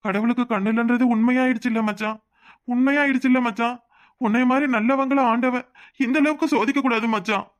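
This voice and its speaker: A man's voice: extremely high pitch, steady tone, fast. A man voicing a remorseful cartoon man who pleads and reproaches himself. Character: remorseful man pleading with his brother-in-law. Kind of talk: cartoon voice acting.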